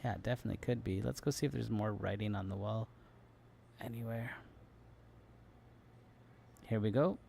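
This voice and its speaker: Guy playing a game, lots of vocal fry, just wondering out loud as he goes. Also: lowish voice, steady tone, moderate pace, long pauses, a little hiss or hum. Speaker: gamer commenting on a playthrough. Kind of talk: casual game commentary with read-aloud text.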